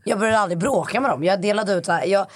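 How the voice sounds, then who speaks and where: Young woman guest, hoarse husky voice, loud and blunt, chatty. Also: mid-range voice. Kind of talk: casual chat.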